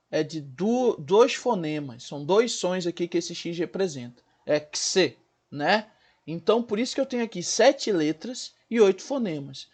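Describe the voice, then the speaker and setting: A man with a high voice teaches a recorded lesson. He breaks words into single sounds, slows down to stress key points, and keeps checking whether the class has understood. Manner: explains slowly, spells out sounds and asks the class questions.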